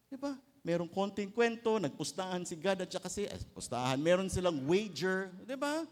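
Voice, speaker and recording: Filipino man preaching, middle-aged, high pitch, lively, joking, rhetorical questions. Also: moderate pace. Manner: lively, joking, mixes in English with rhetorical tags. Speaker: pastor. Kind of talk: sermon.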